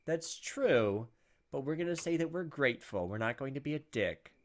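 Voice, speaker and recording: Over video game music, an expressive man with a medium-pitched voice hosts a let's-play at a moderate pace, alternating between reading on-screen text aloud and offering flippant commentary.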